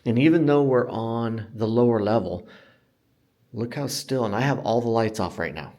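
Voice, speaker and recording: American man, enthusiastic realtor, mid-pitched voice, casual house-tour narration with salesy emphasis on features. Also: moderate pace, mellow. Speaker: real estate agent giving a home tour. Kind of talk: casual walk-through tour narration to viewers. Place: inside a house, walking room to room.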